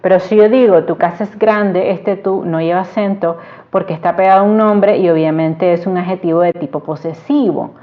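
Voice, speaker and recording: A woman from Latin America teaching a Spanish grammar lesson, explaining slowly and stressing her example sentences. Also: on the low side, fairly even intonation. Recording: dull lo-fi sound.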